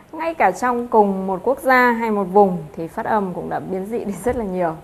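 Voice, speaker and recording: A woman's voice: medium pitch, slight background noise. A woman teaching an English lesson, explaining step by step with frequent filler sounds.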